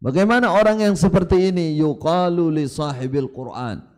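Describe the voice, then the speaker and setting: Brief: man preaching a sermon, somewhat high voice, emphatic storytelling. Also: normal speed, a little mellow. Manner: emphatic, storytelling with rising and falling delivery.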